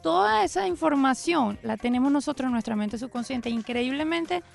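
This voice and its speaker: A woman's voice: high-pitched, expressive, moderate pace, vocal fry, soft background music. A woman, a guest expert, explaining ideas earnestly in an interview, often in lists. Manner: earnest, explanatory, list-like phrasing.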